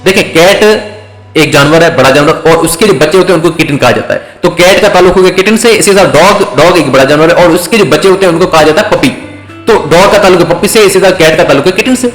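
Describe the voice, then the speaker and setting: A man giving an English vocabulary lecture, explaining slowly with many fillers and check-ins. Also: sits high, fairly bright tone. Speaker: English teacher. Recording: echoey room with faint music.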